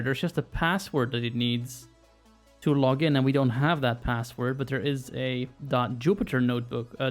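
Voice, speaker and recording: A man walking through a technical tutorial in a relaxed, rambling way, thinking aloud and pausing on plenty of fillers. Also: medium pitch. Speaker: screen reader user presenting a tutorial. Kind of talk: casual walkthrough narration.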